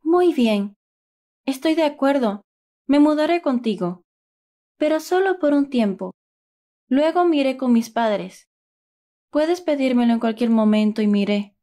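Woman doing anxious young storybook mother, higher voice, warm mellow tone, earnest. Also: expressive, measured pace, long pauses. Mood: resolved. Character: young woman, worried new mother of triplets.

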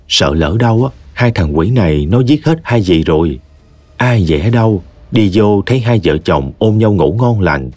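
A man with a Southern Vietnamese accent narrating a story in an expressive, folksy way. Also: low voice, breathy edge, dry recording.

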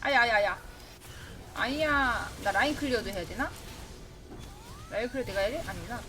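A woman streams a game live, commenting on the match as she plays in a slightly high, brisk voice. Excitable, she talks to herself, yelping and bursting into laughter, with faint music behind her.

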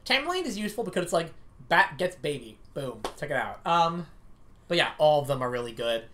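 A woman with a Southern American accent talks about comics in a casual, rambling way. Her voice sits low. She sounds enthusiastic and a little self-deprecating. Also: sing-song, a little fast, a bit bright, a little hiss or hum. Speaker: comic creator co-hosting a stream. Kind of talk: casual chat.

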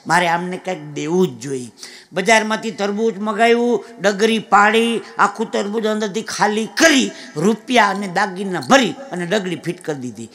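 A man telling comic folk stories on stage, lively and chatty, with asides to the audience. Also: high-pitched. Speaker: folk comedian. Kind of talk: live dayro comic storytelling. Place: live stage event with an audience.

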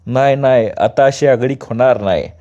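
A man's voice: mid-range voice, normal speed, mellow, close to an everyday voice. Guy doing a scared stammering young husband, dull lo-fi sound. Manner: stammering, fearful.

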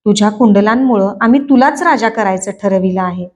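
A woman's voice: mid-range voice, brisk, darkish tone, close to an everyday voice. A woman voicing a young boy who plays a royal minister in a children's game, speaking in a formal, ceremonious way. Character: boy acting as minister in a play court.

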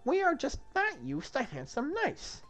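A woman's voice: sits high, wildly swooping pitch, unhurried, faint music behind, full character voice. Woman playing a gushing, flirtatious castle maiden, Zoot. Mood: coaxing, seductive. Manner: theatrical, gushing, insistent. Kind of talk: comic script read-through.

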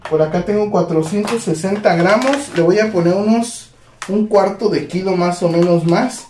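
A man hosting a home cooking demonstration, talking in a relaxed way with lots of fillers as he addresses viewers as friends. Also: high-pitched, moderate pace. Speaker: cooking channel host. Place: home kitchen. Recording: echoey kitchen with faint noise.

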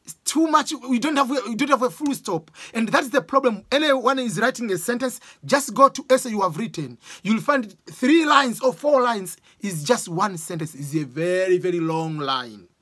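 A man in his forties from Tanzania with a Tanzanian accent, giving animated casual exam advice to a close camera in a small room. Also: very high voice, moderate pace. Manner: animated, gestures a lot, uses sports examples. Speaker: education vlogger. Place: small room with bookshelves, indoors. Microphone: camera close up, webcam framing.

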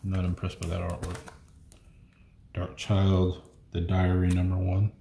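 This middle-aged man's voice is low, gravelly and mellow, delivered in a monotone at a slightly slow pace as he hosts a comic collection unboxing. He sorts old comics at an indoor table, reading issue numbers and muttering as he goes, picked up by a fixed camera across the table amid room echo and faint noise.

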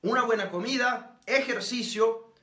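A man's voice: very high voice, unhurried, pushed and bright, reverberant. A man giving a live motivational talk, emphatic and preachy, speaking straight to his listeners and answering their comments.

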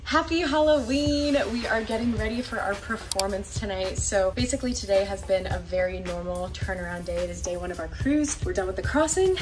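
A woman's voice: medium pitch, fairly quick, few pauses. Upbeat young woman vlogging on camera. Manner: upbeat, chatty, talking to camera. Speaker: cruise ship entertainer and vlogger. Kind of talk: casual vlog. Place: cruise ship cabins, lounges and decks. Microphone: handheld camera at arm's length. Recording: music bed under the voice.

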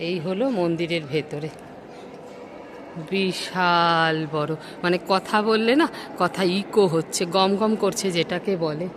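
A woman casually narrating a vlog, pointing things out to viewers, her voice booming with a cathedral-like echo inside a large temple hall. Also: steady tone, unhurried, background noise. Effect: booming cathedral-like echo in a huge hall. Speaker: travel vlogger.

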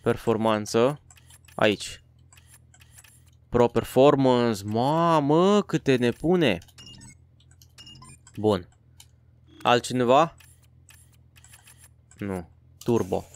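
A man playing a racing game for his channel, chatting in slangy, excitable bursts to himself and his viewers. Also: mid-range voice, long pauses. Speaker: gaming YouTuber. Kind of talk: let's play commentary.

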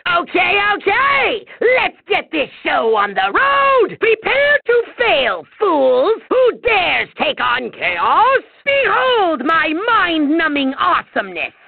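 Kaos, squeaky gravelly evil emperor. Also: male voice, dry recording, full character voice. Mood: gloating. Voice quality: shrill, gravelly. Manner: pompous, theatrical, exclamatory. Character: vain, scheming little male evil emperor. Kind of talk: video game villain voice acting. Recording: thin, phone-like narrow-band sound.

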